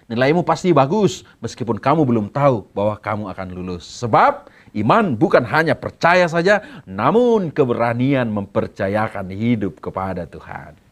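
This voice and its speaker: Indonesian pastor guy preaching to students, jokey storyteller, voice jumps all over. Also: a little high. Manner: lively storytelling with acted quotes. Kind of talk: sermon for students.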